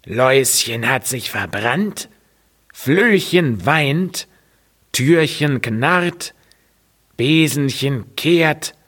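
A man voicing a small talking tree in a storybook reading, in a high wavering singsong. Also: lively intonation, very slow, a bit bright, heavily acted. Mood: lamenting.

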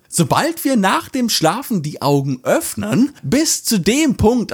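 A man's voice: high voice, slightly rough. A man hosting his own podcast, delivering a playful, theatrical scripted monologue. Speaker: podcast host.

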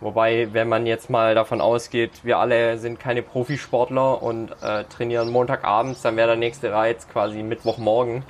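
A man's voice: mid-range voice, flat delivery, moderate pace, few pauses, a little hiss or hum. A man hosting a sports podcast in casual chat, hesitant with many fillers. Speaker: podcast host.

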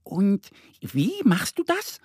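A man's voice: sits high, wildly swooping pitch, slow pace, a little mellow, husky, dry recording, clean studio sound, voice pushed up, exaggerated voice. A man voicing an eager little female duckling in a children's audio story. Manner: eager, chirpy.

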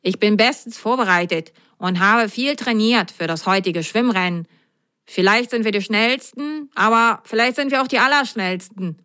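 A woman's voice: medium pitch, moderate pace, sharp tone, no room sound, studio quality, voice pushed up, natural voice. A woman voicing an eager, self-assured orange racing seahorse in a storybook. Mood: confident.

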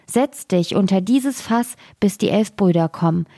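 A woman voicing a gentle, protective young boy, the youngest brother in a fairy tale, in an earnest storybook voice. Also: medium pitch, a little slow, dry recording, clean studio sound.

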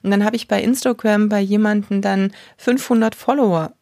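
A woman's voice: mid-range voice, fairly even intonation, moderate pace, warm tone, no echo, studio quality. A woman hosting a podcast, talking casually and chatting about a book with frequent fillers. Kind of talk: casual talk with a book reading.

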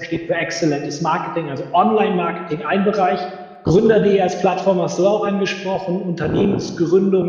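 Guy on a bad home office recording, super echoey roomy sound, dull lo-fi mic, explains stuff with lots of uh's. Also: a little mellow. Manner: explains at length with frequent filler sounds and restarts. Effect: low-quality home-office recording with heavy room reverb and no proper mic. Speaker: interview guest, event entrepreneur. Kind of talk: conversational interview explanation. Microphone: unsuitable microphone. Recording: echoey lo-fi reverberant room.

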